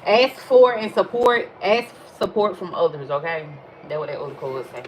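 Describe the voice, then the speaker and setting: A woman, chatting casually while reading tarot cards, animated and swearing freely. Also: on the low side, normal speed, very noisy. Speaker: tarot reader. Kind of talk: casual livestream chat.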